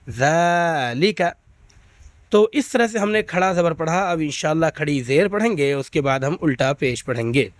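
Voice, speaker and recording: A man with a Pakistani Urdu accent teaches Quran reading in a fairly high voice, stretching each syllable slowly before moving on to quicker explanations. The sound is dry and close, with no room around it. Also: no room sound. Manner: slow drawn-out syllable recitation between quick explanations; patient, repeats checks with listeners. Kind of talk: spelled-out recitation lesson.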